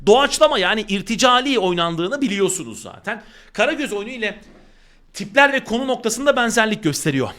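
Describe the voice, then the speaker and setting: Male teacher, high bright voice, animated exam-prep lecture, emphatic. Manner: animated, emphatic, repeats warnings to the class. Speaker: literature teacher.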